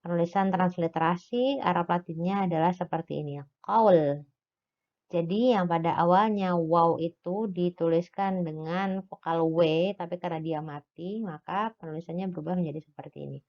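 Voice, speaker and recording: A woman with a somewhat low voice teaches a recorded lesson, explaining each point slowly and patiently and pausing often on "eh". The recording sounds dull and lo-fi. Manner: patient step-by-step explaining with frequent "eh" fillers.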